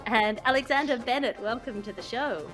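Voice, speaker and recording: A woman hosts a satirical news podcast, moving between script and banter in a wry, wordy, ironic way. Her voice is a little high with a fairly bright tone, and she speaks briskly. Soft music plays in the background, and the recording is rough.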